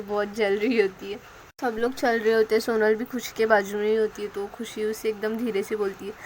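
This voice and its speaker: A woman narrating a love story, voicing the characters' lines with lively energy. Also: medium pitch, a little hiss or hum, low-quality recording.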